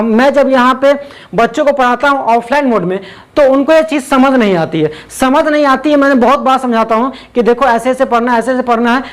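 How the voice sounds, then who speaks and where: A young man from Bihar explaining a physics lesson as a teacher, asking himself rhetorical questions as he goes. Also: extremely high pitch. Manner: repetitive rhetorical questions, sings song snippets.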